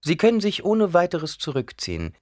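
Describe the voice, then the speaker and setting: A man's voice: sits high, huge pitch swings, moderate pace, darkish tone, dry recording, studio quality, voice pushed up. A man voicing an anxious, deferential male court doctor in an audiobook reading, nervous and polite.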